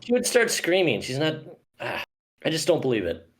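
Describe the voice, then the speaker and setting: A man's voice: fairly high pitch, huge pitch swings, normal speed. A man on a casual movie podcast, bluntly criticizing the writing. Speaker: podcast co-host. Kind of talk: casual movie review chat.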